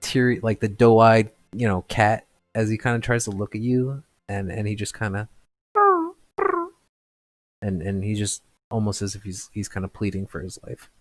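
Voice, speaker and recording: A man narrating a tabletop game as game master, in a halting way with many fillers. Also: on the low side, little pitch movement.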